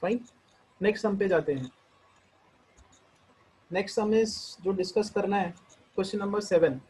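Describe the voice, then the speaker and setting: Higher-pitched Indian male math tutor. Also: darkish tone, breathy edge, rough recording. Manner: explains step by step, mixing Hindi and English; slows down when reading out equations. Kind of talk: online math lesson.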